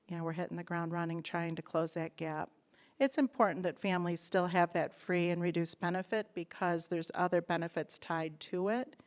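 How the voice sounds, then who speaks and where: A woman presenting a report on school meals to a school board and taking questions, in a conversational tone. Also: fairly low pitch. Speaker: school food service director.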